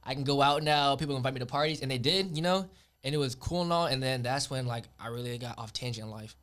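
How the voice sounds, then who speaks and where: Fast-talking young man, rambling. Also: medium pitch, fairly bright tone. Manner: rambling, many "like" and "you know" fillers. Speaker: podcast guest. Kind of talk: casual podcast chat.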